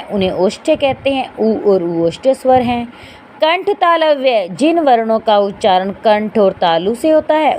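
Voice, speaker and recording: A woman with a fairly high, darkish voice teaches an online Hindi grammar lesson, spelling out sounds one at a time. She keeps checking in with her students using "theek hai" and "dekhiye," and there's a little hiss or hum in the audio.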